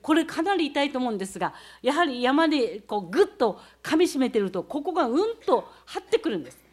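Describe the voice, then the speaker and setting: Woman from tohoku, kinda high voice, walking folks through tips step by step like a hands-on talk. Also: sing-song, fairly quick. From Tohoku, Japan. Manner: explanatory, walks through techniques step by step. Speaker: speaker recounting leading a student climb. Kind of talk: talk with demonstrations.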